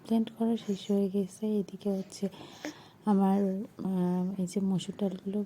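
A young woman narrating her home vlog in a soft, hushed voice-over. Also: mid-range voice, fairly even intonation, normal speed, a little hiss or hum. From Bangladesh. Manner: soft, hushed talk so a sleeping child stays asleep. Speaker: vlogger.

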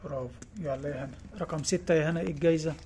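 An Egyptian tackle shop owner speaks quickly in Egyptian Arabic, presenting giveaway prizes in a casual video inside his fishing shop, repeatedly asking "tamam?" and coaxing along the children helping him. His voice is on the high side, steady and darkish. It was filmed on a handheld phone with faint shop noise.

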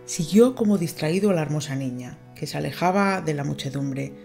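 A woman narrating an audiobook, reading a novel in a measured, expressive way. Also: deep voice, creaky, soft background music.

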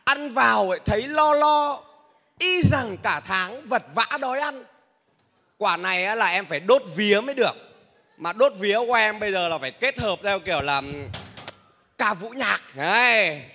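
A man performing a stage comedy sketch as a motorbike taxi driver, loud, boastful and bantering. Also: high-pitched, expressive, moderate pace. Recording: reverberant hall.

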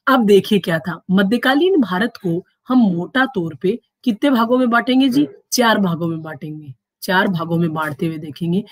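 A woman teaching an exam-prep history class, recorded close and dry with no room sound. She keeps asking her students rhetorical questions and answering them herself. Her pitch lifts on each question, and she slows right down to stress the key terms. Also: no room sound.

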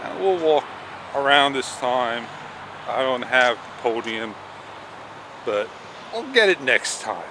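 Walking a park path one morning, a middle-aged man of medium pitch chats into an action camera at arm's length for a casual vlog. His throat is a bit sore, so he's sucking on candy, and he thinks out loud in a loose, rambling way full of pauses. The recording carries outdoor noise and traffic passing behind.

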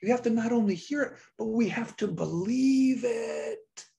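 A woman's voice: a little high, measured pace, creaky, warm tone, breathy edge. A woman pastor giving a sermon, reading scripture aloud and repeating key lines for emphasis.

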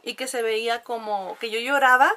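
A woman's voice: on the high side, fairly even intonation, moderate pace, bright, forceful tone. A young Mexican woman with a nasal voice, chatting casually to camera at home, laughing often and using lots of fillers. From La Paz, Mexico. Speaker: vlogger.

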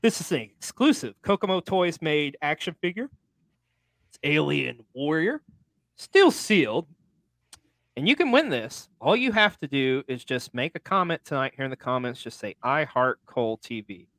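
A man's voice: on the high side, very animated, normal speed, a bit bright, dry recording, clean studio sound. A man co-hosting a casual wrestling podcast, talking upbeat to viewers about a giveaway. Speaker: podcast co-host. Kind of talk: casual chat.

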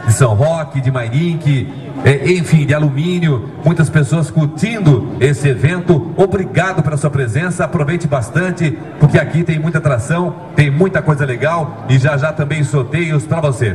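A man's voice: a little high, a little mellow. A man announcing festively over a PA system at an outdoor event, with effusive, repetitive emcee patter. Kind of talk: festive stage announcing to a crowd. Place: outdoor festival stage in a town square. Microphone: handheld stage mic through PA, picked up by camera. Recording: amplified outdoor PA with music behind.

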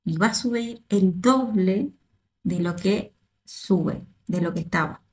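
Speaking slowly in a mid-range voice, this Río de la Plata woman, a dance teacher and choreographer, offers casual, excited reaction commentary. She repeats herself and restarts frequently.

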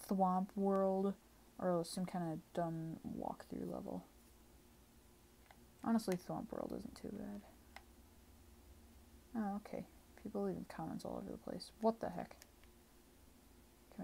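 A woman's voice: on the low side, creaky, dark tone, slight background noise. A woman doing casual gameplay commentary at home, always sounding tired, offhand and rambling. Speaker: gaming channel creator. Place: home room. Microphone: desk microphone.

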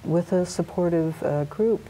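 A middle-aged woman, a hospice nurse educator, answering interview questions in a soft, halting, hesitant way. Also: fairly low pitch, a little hiss or hum, poor audio. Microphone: lapel mic.

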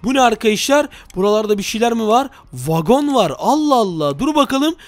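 A man's voice: very high-pitched, very animated, brisk, no echo, faint music behind. A young man hosting a game video, narrating with dramatic, easily frightened reactions. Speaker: gaming video host. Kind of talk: excited game commentary.

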